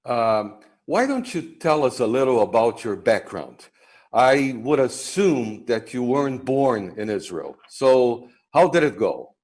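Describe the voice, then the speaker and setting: An older man hosting a TV interview over a video call, asking friendly, measured questions with some fillers. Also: mid-range voice, big pitch swings, darkish tone. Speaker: TV host.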